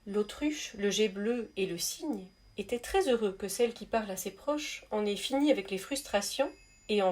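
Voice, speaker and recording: A woman reading a spiritual story aloud in a soft, measured, gentle narrating voice. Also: mid-range voice. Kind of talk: calm read-aloud storytelling.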